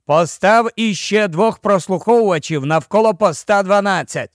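Calm fatherly army captain, man reading it for an audiobook, steady and patient, voice kinda high, dry close sound. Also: normal speed, no echo, lightly acted. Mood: steady command. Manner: steady, patient, gently scolding.

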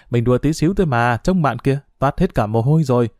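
A man's voice: medium pitch, expressive, normal speed, darkish tone, no echo, studio quality, lightly acted. A man voicing a playful, bossy schoolgirl who teases in a mock-stern way. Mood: teasing.

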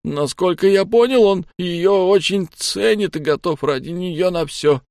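Give me a shrill, sobbing young crook, badly beaten and terrified, as a male audiobook reader puts him on. The voice jumps way up high, and the words come blurted and tearful. The recording is close and dry, with no room around it. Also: a little slow, creaky, darkish tone, dry recording. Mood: panicked sobbing.

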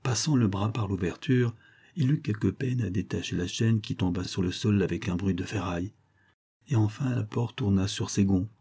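A man reading a classic crime novel as an audiobook narrator, in a measured, phrase-by-phrase delivery. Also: on the low side, mellow, husky. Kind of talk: scripted literary narration.

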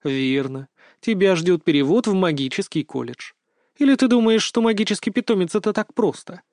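A man voicing a calm, doting grandmother in an audiobook, soothing and gently lecturing. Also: high-pitched, brisk, no room sound, studio quality, pitched above the performer's own voice. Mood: explaining. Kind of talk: audiobook character voice.

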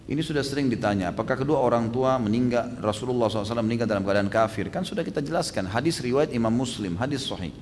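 Guy preaching fast at a study session, emphatic, lots of rhetorical questions, hall echo and faint rumble behind. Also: a little mellow. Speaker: Islamic preacher answering questions. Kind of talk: religious study talk, Q&A.

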